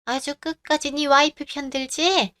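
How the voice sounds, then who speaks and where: A woman's voice: sits high, steady tone, normal speed. Woman voicing a nagging older mother-in-law. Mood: scolding. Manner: nagging and sharp-tongued. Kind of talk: radio drama acting. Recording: dry close studio sound.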